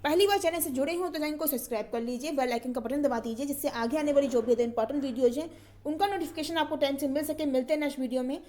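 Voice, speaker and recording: A high-voiced woman teaching an exam-prep grammar class. She talks methodically and repeats each word twice. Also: racing, warm tone, a little hiss or hum.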